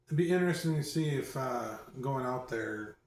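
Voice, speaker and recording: A man hosting a casual chat, talking softly and teasing his friend, recorded on a phone across an echoey room. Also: mid-range voice, expressive, normal speed, distant mic. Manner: soft-spoken, teasing. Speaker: host. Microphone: phone across the room, no mic.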